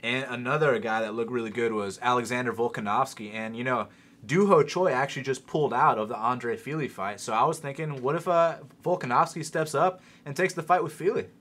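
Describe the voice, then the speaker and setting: A man hosting a sports betting podcast, talking fast and animated in casual chat, cursing now and then. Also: medium pitch. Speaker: podcast host.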